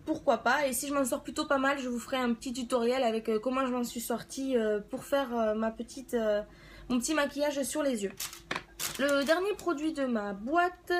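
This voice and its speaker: A woman giving a casual product review as a beauty vlogger, chatting in a hesitant way as if thinking aloud. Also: high-pitched.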